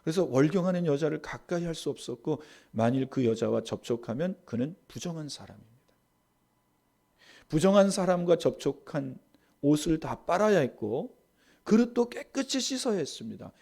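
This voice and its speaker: A man, a pastor, preaching a sermon, rising to loud emphatic stress and dropping to soft asides. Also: a little high, expressive, moderate pace, vocal fry.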